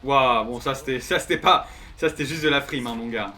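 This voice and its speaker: Over background music, a male streamer delivers slangy, laid-back commentary on his game, speaking to viewers and reading the in-game dialogue out loud. His mid-range voice moves fairly quickly and sounds pushed and bright.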